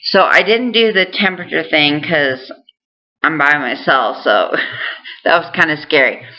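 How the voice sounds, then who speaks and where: Slow, low-voiced woman on a muffled recording. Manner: earnest and encouraging toward viewers. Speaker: vlogger sharing recovery tips. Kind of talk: casual direct-to-camera talk.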